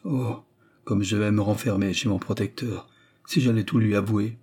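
A man reading aloud and voicing a naive young woman who speaks hesitantly and fearfully, often hushed. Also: on the low side, steady tone, normal speed, breathy edge.

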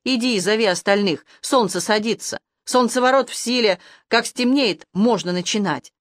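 A woman voicing a gruff old male werewolf police major who rants and lectures. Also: on the high side, normal speed, no room sound, clean studio sound, pitched above the performer's own voice, natural voice. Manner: ranting, lecturing.

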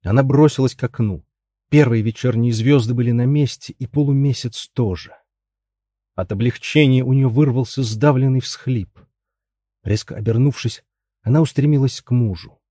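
A man narrating a story in a measured reading style, close to the mic. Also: medium pitch, warm tone, no echo. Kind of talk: audiobook narration.

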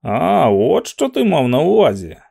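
This is a mocking young man in an audiobook, put on by the male narrator. He needles people with a high, swooping, exaggerated voice. The narrator's own mellow timbre still shows underneath. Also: huge pitch swings, a little slow, gravelly, breathy edge, full character voice. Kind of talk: audiobook character voice.

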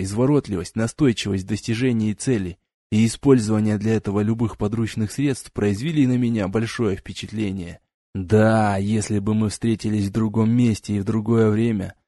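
A man voicing a stern young male warrior in an audiobook, speaking in a cool, measured way. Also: fairly low pitch, steady tone, dark tone, no echo, clean studio sound.

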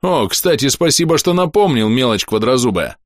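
A man's voice: medium pitch, moderate pace, no echo, clean studio sound, voice pushed up. A man voicing a mocking, hot-tempered man who jeers in a lifted voice. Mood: jeering. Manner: jeering, lively.

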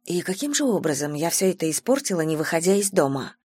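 Женщина в роли сдержанной молодой женщины, сухой, отрывистый тон, в аудиокниге. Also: female voice, on the low side, big pitch swings, fast talker, a little mellow, breathy edge, no room sound. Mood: curt. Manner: dry, clipped. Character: dry restrained young woman Valya.

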